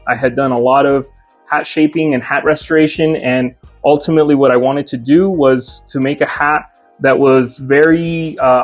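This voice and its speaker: A young man who owns a hat shop, talking casually in an interview and explaining his craft step by step with lots of "uh"s. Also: mid-range voice. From Mexico. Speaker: hat maker and shop owner.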